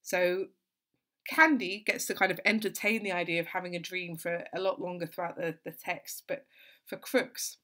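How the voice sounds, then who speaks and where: Low-voiced woman tutor explaining calmly. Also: moderate pace. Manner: thoughtful, steady explaining with frequent "so" and "kind of". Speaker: English literature tutor. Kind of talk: explanatory exam-revision lesson.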